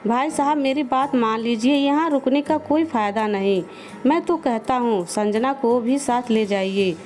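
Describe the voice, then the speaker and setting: A woman's voice: on the high side, unhurried, a little mellow, faint music behind, natural voice. A woman voicing a worried middle-aged family elder in a storybook tale, speaking in an earnest, reasoning way.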